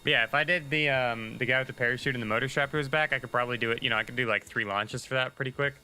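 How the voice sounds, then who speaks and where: A man's voice: medium pitch, rapid-fire, sharp tone, a little hiss or hum, rough recording. A man giving casual, chatty commentary while livestreaming a game, thinking aloud and muttering asides to himself. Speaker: livestreaming gamer.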